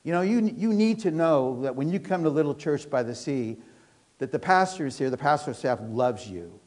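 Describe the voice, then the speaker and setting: Man, middle-aged, pastor, sermon, earnest, fast, restarts, slightly high voice, church. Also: expressive, darkish tone.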